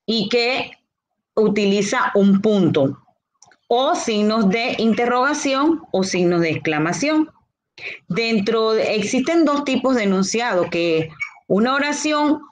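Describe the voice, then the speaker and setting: A woman teacher giving a grammar lesson, explaining slowly and answering her own questions, with a Honduran Spanish accent. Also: fairly high pitch. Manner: slow, explanatory, rhetorical questions.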